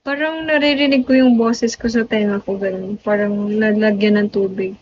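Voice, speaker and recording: A woman's voice: mid-range voice, fairly even intonation, moderate pace, a little hiss or hum. A young woman hosting a casual livestream, chatting with and greeting viewers, slipping in English phrases, on a phone mic. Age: young adult. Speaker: livestream host. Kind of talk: casual live-stream chat. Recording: dull lo-fi livestream audio.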